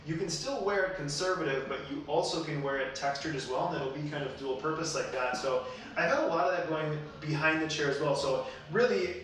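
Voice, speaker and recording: A man's voice: on the high side, fairly quick, few pauses, fairly bright tone. A man hosting a casual advice talk as a hairstylist, explaining things in a conversational, roundabout way. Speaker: hairstylist and show host. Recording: very echoey room, distant mic, faint noise.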